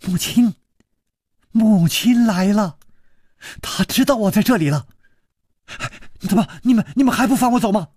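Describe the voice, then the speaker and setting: A man's voice: medium pitch, huge pitch swings, darkish tone, husky, dry recording, studio quality, exaggerated voice. A man voicing a distraught young woman who stammers and trembles in a storybook reading. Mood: eager. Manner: halting, stammering.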